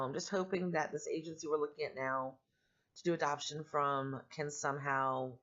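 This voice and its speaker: A middle-aged woman vlogging casually in a candid, rambling, matter-of-fact way, her voice growly and roughened by allergies. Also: low-pitched, a bit bright, highs cut off. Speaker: vlogger and foster parent. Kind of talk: casual personal vlog talk.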